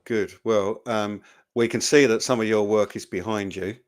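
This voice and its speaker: A fairly low-voiced man hosting a relaxed online interview. He talks in a chatty, joking way, filling pauses with ums and restarting sentences as he goes. It sounds like a video call. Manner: chatty, jokey, with frequent fillers. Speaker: interview host.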